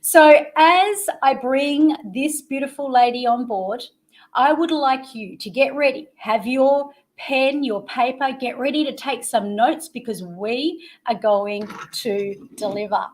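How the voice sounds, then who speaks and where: A woman's voice: high voice, slow. A middle-aged woman hosting an interview show, talking with upbeat, promotional enthusiasm and dramatic emphasis.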